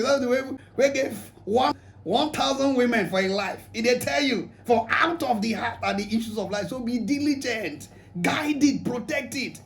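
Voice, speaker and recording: High-voiced Nigerian man, joking relationship talk. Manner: humorous, mixes pidgin, acts out quotes. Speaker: relationship speaker. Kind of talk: lively relationship talk to an audience.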